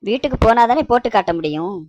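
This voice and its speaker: A woman's voice: a little high, expressive, fast talker, a little mellow, dull audio, close to an everyday voice. Woman doing a fussy scheming mother-in-law. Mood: coaxing. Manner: coaxing, fussy chatter. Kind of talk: cartoon voice acting.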